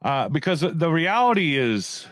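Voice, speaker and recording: A man rants to his online audience with a swinging, animated pitch that sits a little high for a man. He swears freely and circles back over the same phrases. The sound is close and dry, with no room around it. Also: unhurried, dry recording. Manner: profane, repetitive, restarts phrases. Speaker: YouTube commentator. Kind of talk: casual rant to camera.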